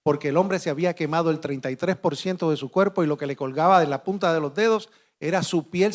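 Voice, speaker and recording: A middle-aged man from Rico, speaking on a conference panel and telling a dramatic first-person story with animated delivery and acted-out dialogue. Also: high voice. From Puerto Rico. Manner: vivid and animated, shouting out sound effects and acting out dialogue.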